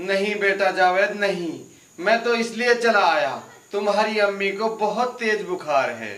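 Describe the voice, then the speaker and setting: An actor playing an older blind father who is gentle and heartbroken, speaking in a pleading, poetic, sorrowful way in a melodramatic audio drama. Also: high-pitched, expressive, unhurried. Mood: pleading gently. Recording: roomy voice over background music.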